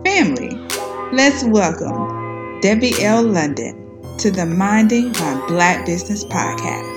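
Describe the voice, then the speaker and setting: A woman announcer delivers a scripted podcast introduction at a medium pitch. Music plays clearly behind her voice. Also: sing-song, measured pace. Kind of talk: scripted promotional narration. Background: loud music.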